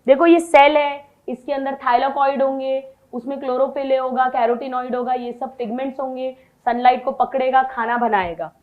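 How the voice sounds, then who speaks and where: A woman with a high, bright voice gives a biology lesson. She keeps asking the class questions and answers them herself right away. When she dictates notes she slows down and spells them out word by word. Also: fairly even intonation, phone-quality sound. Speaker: biology teacher.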